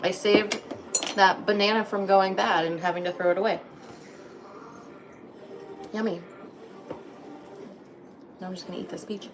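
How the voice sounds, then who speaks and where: A woman's voice: medium pitch, flat delivery, measured pace, long pauses, music in the background. A woman in her thirties chatting casually on a livestream from her home kitchen, greeting viewers by name. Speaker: livestream host. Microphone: phone.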